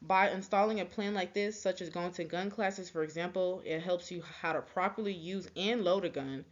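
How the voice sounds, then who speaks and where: Halting young woman giving a class speech. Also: lowish voice, highs cut off. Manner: halting, with frequent ums, restarts and apologies.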